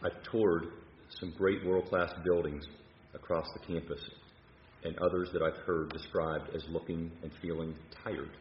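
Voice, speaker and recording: A man, a university leader, delivering a measured prepared speech with occasional fillers and restarts, from a podium in a large hall. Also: sits low, steady tone, slight background noise. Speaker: university president. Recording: roomy, dull hall recording.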